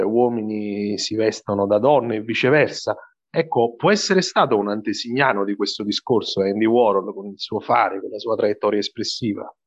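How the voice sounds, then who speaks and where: A man's voice: lowish voice, no echo, lo-fi sound. A man interviewing a guest, posing a long, winding question with fillers.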